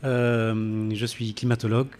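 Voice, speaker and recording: A man's voice: medium pitch, level tone, a little slow, a little mellow. A man giving a public science talk in a café event room, hesitant with many fillers and restarts, sometimes drifting off the microphone. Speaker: climate scientist speaker. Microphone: handheld mic, drifting off it.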